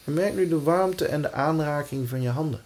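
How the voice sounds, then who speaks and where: Soothing man with a gravelly, mellow voice. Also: a little high, a little hiss or hum. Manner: calm, soothing, reassuring, with pauses. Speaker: relaxation and breathwork guide. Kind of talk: guided breathing and body-awareness exercise.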